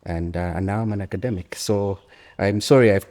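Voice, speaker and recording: Low-pitched, dark and fairly quick, the voice belongs to a Zambian-accented economics academic in his early forties. As an interview guest he tells stories reflectively and emphatically, often repeating phrases, with long reverb from an echoey hall.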